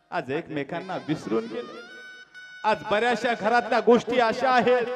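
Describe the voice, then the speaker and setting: A high-voiced male kirtan preacher from Maharashtra narrates a saint's story with dramatic, tearful emotion. His voice sits notably high for a man. Clear devotional music plays under him throughout. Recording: sermon with devotional music behind.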